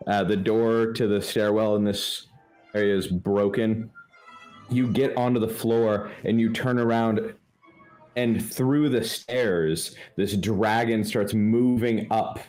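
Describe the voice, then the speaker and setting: A man narrating a tabletop game as game master, with halting restarts. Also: fairly low pitch, steady tone, darkish tone, soft background music.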